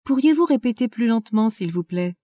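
A woman reading out phrasebook sentences slowly and carefully, like a language teacher. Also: a little high, animated, dark tone, no room sound.

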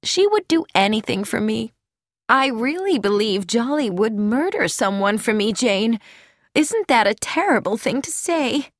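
For this audiobook character, a woman voices a gentle, untroubled elderly lady whose soft, musical speech sits higher than the narration and swings up and down in a very animated way. The pace is measured, and the close, dry recording has no echo.

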